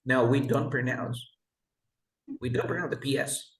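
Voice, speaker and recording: A man's voice: mid-range voice, fairly bright tone. Guy teaching english on a video call, patient, kinda echoey room. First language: Spanish. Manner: patient, explains pronunciation slowly. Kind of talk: online one-on-one lesson. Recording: roomy echo.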